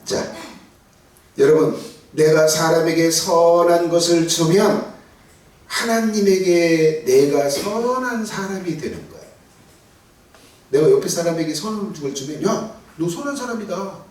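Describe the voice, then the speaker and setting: A middle-aged male pastor preaching a Sunday evening sermon in a church sanctuary. His delivery is emphatic: he swells to near-shouts, then drops to hushed asides. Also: on the high side, unhurried, pauses often. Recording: echoey hall from far off.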